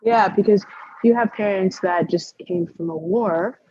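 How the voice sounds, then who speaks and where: A young woman chatting as a guest over a video call, relaxed, with plenty of fillers and sentences that fade off quietly. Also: mid-range voice, a little slow, husky, dull audio. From Canada. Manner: relaxed, trails off softly, many fillers. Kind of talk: casual interview chat.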